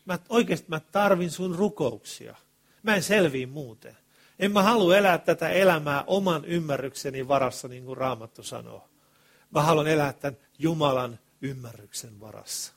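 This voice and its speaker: A man with a fairly high-pitched voice preaches a sermon in everyday language. He swings between loud, passionate bursts and hushed asides, throwing rhetorical questions at the congregation.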